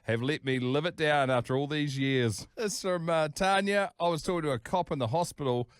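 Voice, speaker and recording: Laughing radio host, dry sound. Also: male voice, fairly high pitch, normal speed, clear, resonant tone, no room sound. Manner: lively, laughing storyteller. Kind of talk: casual radio chat reading listener stories.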